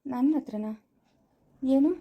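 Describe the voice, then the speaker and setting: A woman's voice: high-pitched, slow, narrow, tinny audio, full character voice. A woman playing a kind, patient village man of forty-five who soothes and reasons with others in a family drama. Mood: soothing. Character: kind 45-year-old village man, calm peacemaker.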